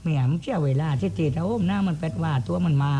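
Rustic clown, played by a man, southern Thai accent, creaky voice, crude and bickering slapstick banter for shadow puppetry. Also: a little high, quick pace, mellow, close to an everyday voice. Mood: bickering, silly. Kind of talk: comic shadow-puppet dialogue.

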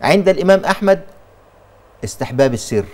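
A man's voice: a little high, lively intonation, fast talker, darkish tone. A man with an Egyptian accent answering religious questions in a TV studio, explaining with emphasis and frequent restarts.

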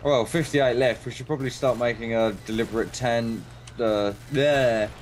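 A man's voice: mid-range voice, fairly even intonation, moderate pace, a little hiss or hum. A man chatting casually while playing a co-op shooter, joking and rambling. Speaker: gamer. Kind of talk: casual co-op game chat.

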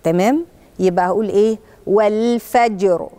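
A woman with an Egyptian accent who preaches and teaches Quran recitation to children. She explains each rule step by step and recites verses slowly to model them. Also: mid-range voice, a little mellow. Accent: Egyptian Arabic.

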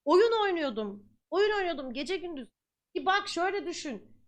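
A woman's voice: very high voice, sing-song, normal speed. A young woman streamer talking earnestly to her viewers, casual and slangy, repeating phrases for emphasis. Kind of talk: live stream chat talk to viewers.

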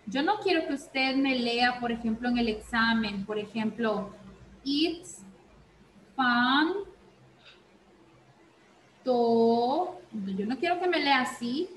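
A woman teacher giving an online reading class, speaking slowly and checking in with frequent questions, mixing Spanish and English. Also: fairly high pitch, animated, fairly bright tone, roomy sound, a little hiss or hum, low-quality recording. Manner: slow, repeats "¿ok?" often, switches between Spanish and English.

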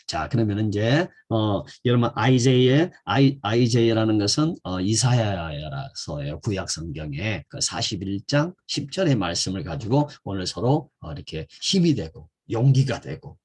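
A man's voice: lowish voice, husky. Korean man teaching English grammar from scripture. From South Korea. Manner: animated, swings from loud stressed English words to soft encouragement; reads English phrases very slowly and deliberately. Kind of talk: Bible-based English grammar lesson.

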